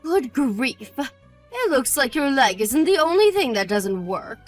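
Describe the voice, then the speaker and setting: Audio drama: woman to play cruel, haughty older mother-in-law, hurt and angry, high and very animated delivery. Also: measured pace, soft background music, full character voice. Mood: contemptuous. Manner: indignant, hurt and angry, scolding. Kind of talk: scripted audio drama acting.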